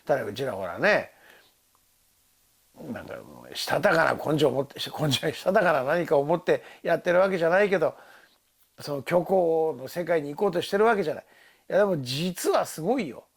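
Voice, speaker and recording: Husky older man telling a rambling story. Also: on the high side, expressive, a little fast. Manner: rambling storytelling with laughs and quoted voices. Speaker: actor recalling a film shoot. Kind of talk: casual tipsy monologue.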